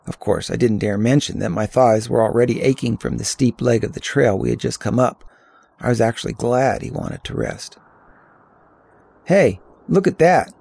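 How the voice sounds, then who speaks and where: Gravelly older man reading a story. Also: mid-range voice, fairly quick, no echo. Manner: calm, descriptive storytelling. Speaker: narrator. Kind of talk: scripted audiobook narration.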